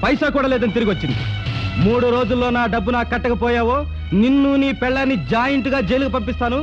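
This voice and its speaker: A stern, scolding creditor. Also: male voice, very high voice, fairly even intonation, rapid-fire. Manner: stern, lecturing and threatening. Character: angry, scolding male creditor, middle-aged. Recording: muffled film soundtrack with loud music.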